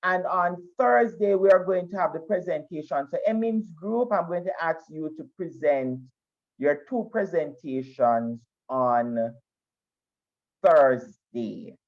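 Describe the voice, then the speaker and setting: A man's voice: on the high side, lively intonation, slow. A man teaching a history class over a video call. He lectures, often restarting and repeating phrases as he explains. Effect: video call audio. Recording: dull lo-fi video call sound.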